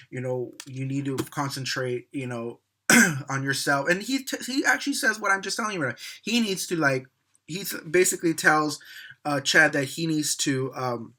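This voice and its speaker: Bright-voiced chatty man recapping gossip. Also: medium pitch. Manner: chatty, gossipy, exasperated asides, quoting characters in mock voices. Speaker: soap opera recap host. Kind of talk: casual recap chat.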